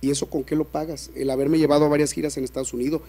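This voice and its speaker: A man's voice: on the high side, little pitch movement, rapid-fire, mellow. A Mexican man, a comedian, telling jokes in a chatty way and acting out characters. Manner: chatty, acts out joke characters. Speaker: comedian guest. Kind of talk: stand-up joke telling.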